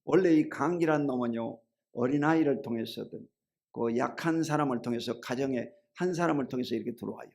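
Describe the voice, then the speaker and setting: A middle-aged male pastor preaching a sermon, asking the congregation rhetorical questions and calling for amens, telling homely stories in a chatty way that swings between loud and low. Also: a little fast, creaky. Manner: colloquial storytelling, shifts between loud and low.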